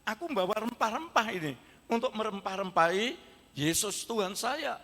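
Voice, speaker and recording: A pastor doing a grieving, pleading Mary Magdalene. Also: male voice, high-pitched, lively intonation, moderate pace, bright, forceful tone, pitched above the performer's own voice, exaggerated voice. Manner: pleading, tearful. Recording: echoey church hall.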